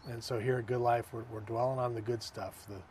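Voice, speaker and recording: A man's voice: medium pitch, flat delivery, a little fast, darkish tone. Male talk show host, casual and chatty, with a faint hum of ambience behind him. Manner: chatty, repeats words while searching. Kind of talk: casual interview.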